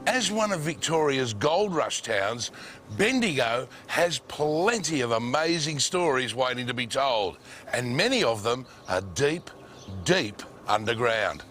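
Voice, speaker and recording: A man's voice: mid-range voice, big pitch swings, measured pace, a bit bright. An Australian man presenting a travel segment, mixing scripted narration with breezy, conversational questions. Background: music.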